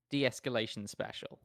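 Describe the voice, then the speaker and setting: A man's voice: mid-range voice, no echo. A man playing a tabletop game, declaring his moves and thinking aloud as he corrects himself. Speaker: player. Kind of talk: casual tabletop game play.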